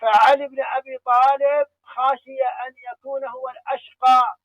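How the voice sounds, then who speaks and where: Man, religious debate, explanatory, dry muffled call-in sound, high voice. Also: flat delivery, moderate pace, a bit bright, no echo. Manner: explanatory, pleads to finish his point.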